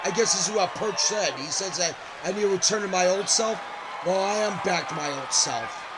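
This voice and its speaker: A bitter, fed-up wrestler, as a man puts him on shouts his trash talk in a high, strained voice. Behind him a loud arena crowd roars along with steady game noise. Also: moderate pace, natural voice. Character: angry male wrestler quitting his tag partner.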